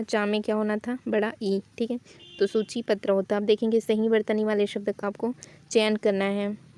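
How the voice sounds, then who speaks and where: A woman teaches a Hindi spelling lesson for exam practice. Her pitch sits in the middle range and stays flat, with little rise or fall. She explains each answer step by step and keeps asking the class questions.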